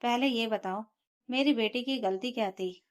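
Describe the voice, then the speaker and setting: A woman voicing a protective young father in a storybook narration, asking quiet, measured questions. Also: fairly high pitch, lightly acted. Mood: firm. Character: protective young father, calm but firm.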